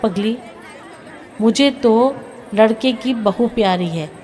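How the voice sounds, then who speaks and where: Gentle older widow, lady of the house, soothing and tender, voiced by a woman reader; a bit high. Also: takes it slowly, in a large hall, a faint crowd. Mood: affectionate.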